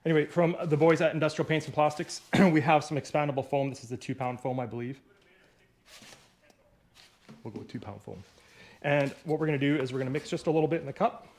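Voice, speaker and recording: A man's voice: fairly high pitch, fast talker, pauses often, a little mellow. A man hosting a casual do-it-yourself video, rambling and joking with himself while he works through a repair in his home workshop. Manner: rambling, jokey, talks to himself while working. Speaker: DIY video host.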